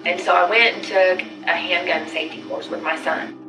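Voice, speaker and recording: A woman being questioned by police, talking haltingly and repeating herself with nervous laughs, on a distant interrogation-room recording. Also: lowish voice, steady tone. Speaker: murder suspect under interrogation. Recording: echoey room tape from far off. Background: documentary music.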